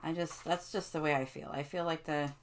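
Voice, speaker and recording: A woman's voice: low-pitched, steady tone, brisk, a little hiss or hum. A middle-aged woman hosting a casual crafting tutorial, chatting to her viewers and asking them questions as she works. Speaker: craft video host.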